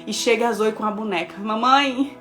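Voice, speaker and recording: Expressive higher-voiced woman pastor preaching. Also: moderate pace, faint music behind. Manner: expressive storytelling, acting out dialogue, addressing listeners directly. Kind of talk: devotional sermon with a personal story.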